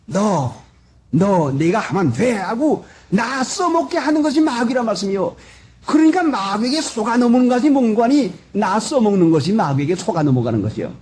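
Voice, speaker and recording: A man's voice: very high-pitched, expressive, fairly quick, a little mellow, husky. An older male pastor gives a revival sermon, asking the congregation rhetorical questions and acting out quotes, recorded in a church on an old tape. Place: church sanctuary.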